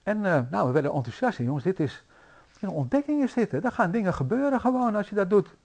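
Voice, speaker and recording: A man preaching a sermon in a church, telling stories in a lively, anecdotal way with frequent fillers. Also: sits high, quick pace, creaky. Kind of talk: sermon storytelling.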